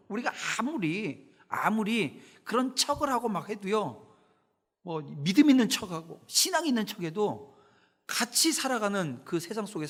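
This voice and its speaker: Rhetorical questions to the congregation fill this emphatic Sunday sermon from a middle-aged pastor. His high-pitched, fairly bright voice carries through the reverberant church sanctuary.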